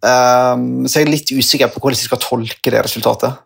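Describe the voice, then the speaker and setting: Gravelly, husky man co-hosting. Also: mid-range voice, fairly even intonation, fairly bright tone. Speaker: podcast co-host. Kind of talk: casual cycling podcast chat.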